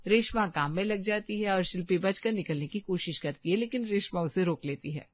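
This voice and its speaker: A woman narrates a bedtime-style cartoon story at a steady, middle pitch. The sound is dry and a little muffled and lo-fi. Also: a little fast, no room sound.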